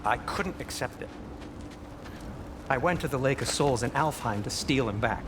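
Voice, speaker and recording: An actor playing an anxious, squeamish dwarf blacksmith in a video game, fretful, hesitant and expressive. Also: male voice, medium pitch, normal speed, noisy background, close to an everyday voice. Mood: confessional, guilty. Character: fussy, anxious male dwarf blacksmith, squeamish and guilt-ridden. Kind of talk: video game dramatic acting.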